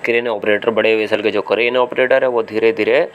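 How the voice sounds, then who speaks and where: Here a seafarer vlogger with an Indian Hindi accent riffs over phone footage from a small boat at sea, thinking aloud with restarts and fillers. His low-leaning voice stays steady and moves fairly quickly, and the phone-camera sound is lo-fi.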